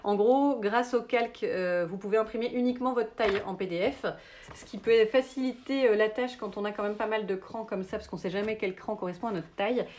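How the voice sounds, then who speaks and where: A woman's voice: mid-range voice, brisk, slight background noise. Woman sewing instructor, English accent, casual filler-heavy delivery, echoey room. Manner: relaxed and chatty, many fillers. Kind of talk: live sewing tutorial.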